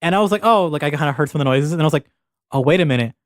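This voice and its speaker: A young man co-hosting a podcast, chatting excitedly about a video game, swearing freely. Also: fairly high pitch, dry recording, clean studio sound. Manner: excitable, swearing, fast and animated. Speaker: podcast co-host. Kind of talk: casual gaming chat.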